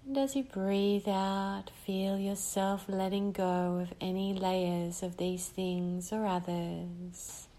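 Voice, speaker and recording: Slow, soothing woman guiding meditation. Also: mid-range voice, flat delivery, dark tone. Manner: slow, soothing, with long pauses. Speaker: meditation guide. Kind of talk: guided meditation.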